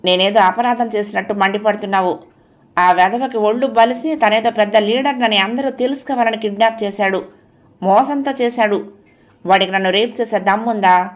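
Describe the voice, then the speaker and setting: A woman narrator voicing a defiant young woman student who shouts indignantly. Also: mid-range voice, normal speed, lightly acted. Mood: furious.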